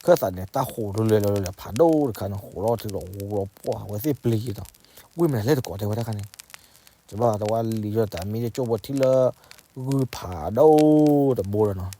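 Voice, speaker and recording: A man telling a folk story in an unhurried, conversational way. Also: fairly low pitch, mellow.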